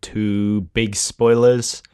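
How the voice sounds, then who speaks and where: A man's voice: fairly low pitch, flat delivery, extremely slow, darkish tone, clean tone. A young man with a blended South African and American accent, co-hosting a podcast in casual, wry chat. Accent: South African mixed with American. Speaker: podcast co-host.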